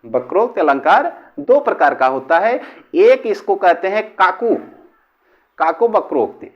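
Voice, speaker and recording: A man's voice: high-pitched, very animated, dull audio. A man teaching a Hindi grammar lesson, repeating and drawing out each example phrase word by word. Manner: slow, repetitive, drawing out example sentences word by word. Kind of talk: classroom-style lesson explaining a figure of speech.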